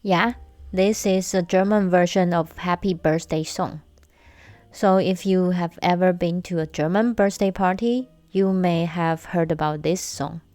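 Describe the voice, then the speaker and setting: This podcast host, a woman from Taiwan, chats casually on her solo show, telling stories slowly and deliberately with light humor. Her voice is low and a little mellow, and there's no room sound.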